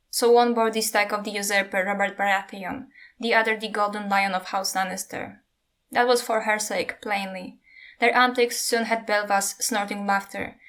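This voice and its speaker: A woman's voice: mid-range voice, a bit bright. Woman narrating with wry asides. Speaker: book reader and commentator. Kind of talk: reading a novel aloud with commentary.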